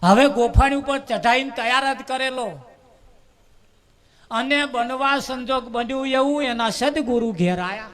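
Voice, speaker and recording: A man tells a parable at a devotional gathering in a very high, bright voice. He talks in an animated, folksy way and repeats words for rhythm. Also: unhurried. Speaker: preacher. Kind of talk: storytelling sermon at a devotional gathering.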